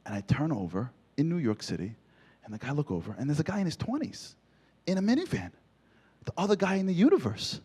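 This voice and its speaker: Man, motivational speaker, storytelling keynote, punchy, lively pitch, quick delivery. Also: breathy edge. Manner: animated, punchy storytelling with rhetorical questions. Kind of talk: comic storytelling keynote speech.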